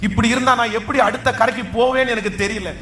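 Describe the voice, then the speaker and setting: High, bright-voiced preaching pastor, man. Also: fairly even intonation, echoey room. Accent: Tamil. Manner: passionate preaching, shouting and slowing for emphasis. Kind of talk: sermon.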